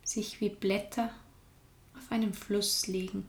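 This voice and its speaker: A woman guiding a meditation in a calm, soft-spoken way, often sinking into a whisper. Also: mid-range voice, slow, echoey room. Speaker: meditation guide. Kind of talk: guided meditation.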